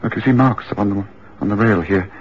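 An actor playing Sherlock Holmes, a calm, commanding detective who talks in a measured and gently reassuring way. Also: male voice, on the low side, a little hiss or hum, close to an everyday voice. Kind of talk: radio drama acting. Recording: muffled radio drama recording.

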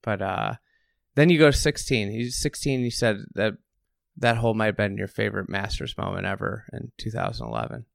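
A man's voice: fairly low pitch, expressive, brisk, vocal fry, no echo, clean studio sound. A man interviewing in a casual golf chat, speaking conversationally and with knowledge of the sport.

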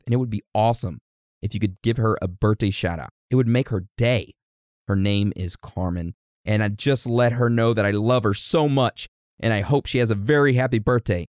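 A man's voice: on the low side, a little mellow, no echo, studio quality. A man co-hosting a podcast, reading listener birthday messages in a casual, teasing, easily amused way. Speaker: podcast co-host.

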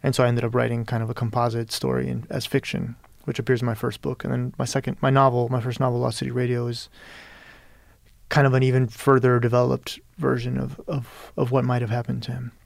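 In a reflective interview, a guest writer from Peru speaks briskly in a mid-range, gravelly voice with flat delivery and no echo. He's thoughtful and searching, often restarting his sentences and tossing in "you know."

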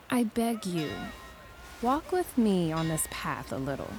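Swooping, pouting, lovelorn Bianca. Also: female voice, fairly low pitch, takes it slowly, over music. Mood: flirtatious, pleading. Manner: coquettish, pouting, expressive. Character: Bianca, lovelorn, jealous, flirtatious female lover. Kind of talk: Shakespearean audio drama acting.

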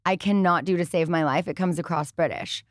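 A podcast host, a woman with a fairly low voice, runs a casual studio interview at a fairly quick pace, chatty and encouraging. She often replies with short affirmations, and the recording is dry.

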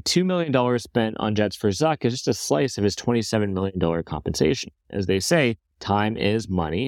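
A man hosting a business news podcast, reading a script briskly and dropping wry joking asides. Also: fairly low pitch, darkish tone, no room sound, studio quality. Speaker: podcast host.

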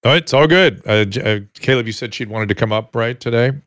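An older man hosting a casual live audio chat, relaxed and halting, with many fillers. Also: mid-range voice, dry recording, studio quality. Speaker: host.

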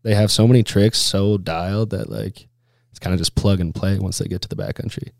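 A man's voice: deep voice, brisk, gravelly, darkish tone, no echo, studio quality. A man telling stories in a casual, laid-back way as an interview guest, full of snowboarder slang, with "like" and "dude" all through. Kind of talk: casual chat, storytelling.

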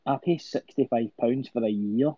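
Male caller, thick broad Scottish accent, relaxed dark tone, dry muffled line, bantering chat. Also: medium pitch, moderate pace, no room sound. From Scotland. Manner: jokey, sweary banter. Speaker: caller to an MMA talk show. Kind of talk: casual chat. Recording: muffled, lo-fi call audio.

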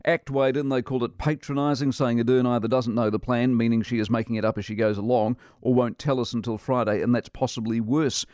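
A man's voice: mid-range voice, steady tone, fairly quick, few pauses, darkish tone, no room sound. A middle-aged man with a New Zealand accent hosting a talk radio interview, blunt and opinionated. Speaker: radio host.

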